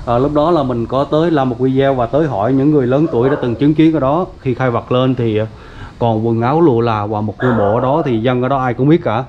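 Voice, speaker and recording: A man with a mid-pitched voice walks viewers around an old family grave site, talking in a loose, chatty way full of fillers. The sound is dull and lo-fi, with faint outdoor noise behind him. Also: quick pace. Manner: chatty, many fillers, addresses viewers as everyone. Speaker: vlogger. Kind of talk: casual walking tour narration. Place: outdoors at a cemetery gate.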